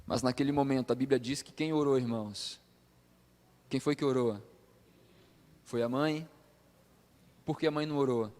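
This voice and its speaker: Impassioned preacher in a reverberant hall. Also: male voice, mid-range voice, normal speed, long pauses, darkish tone. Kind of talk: sermon. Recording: long hall reverb with faint music behind.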